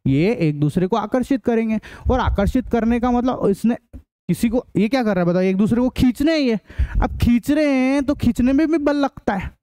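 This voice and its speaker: A man's voice: very high voice, mellow, clear, resonant tone, no room sound. A male teacher giving a science lesson, repeating points and quizzing students with questions as he explains.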